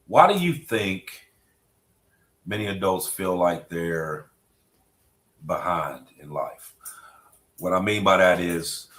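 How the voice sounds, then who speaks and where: A man's voice: sits low, fairly bright tone. A middle-aged man hosting a podcast conversation, reflective and repetitive, often asking "you know what I mean". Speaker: podcast host.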